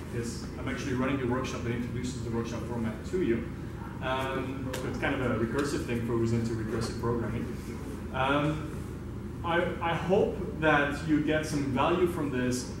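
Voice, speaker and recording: Speaking in a medium pitch, a workshop facilitator from Belgium talks informally to a meetup audience in an indoor room, keeping things conversational and asking the audience questions. The mic is far away, the room is highly reverberant, and clear background noise runs beneath him.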